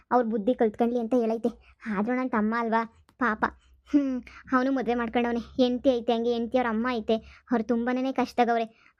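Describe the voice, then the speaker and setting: A woman voicing a kind-hearted young woman who talks in a hushed, scolding, urgent way in a cartoon comedy. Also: fairly high pitch, no echo, lightly acted. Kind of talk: cartoon voice acting.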